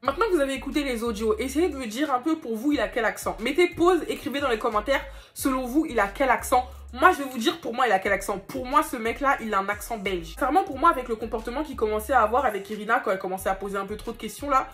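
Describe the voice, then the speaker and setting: A young woman vlogger tells a storytime in a quick, fairly high voice, animated and turning often to her viewers. Faint music plays behind her. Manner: animated, addresses viewers directly. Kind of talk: storytime vlog.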